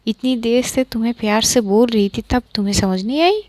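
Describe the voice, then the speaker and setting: A woman voicing a young woman lover who pleads insistently and then turns forceful. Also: a little high, a little fast, no echo, close to an everyday voice.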